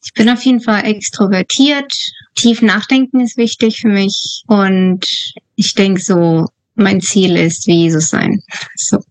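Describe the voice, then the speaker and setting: A woman born in Uzbekistan and raised in Germany talks as a guest on a podcast interview. Her mid-range voice is earnest and reflective, with small pauses to gather her words. The sound is close and dry. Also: medium pitch, steady tone, no room sound. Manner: thoughtful, earnest, with fillers. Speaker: missionary guest.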